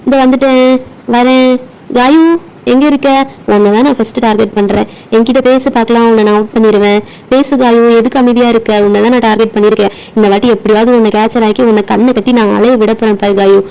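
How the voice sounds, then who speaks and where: A woman's voice: on the high side, fairly even intonation, fast talker, warm tone, clear, resonant tone, lightly acted, poor audio. A woman voicing a teasing, bossy young woman doll in a doll play story, speaking with a teasing, bossy manner.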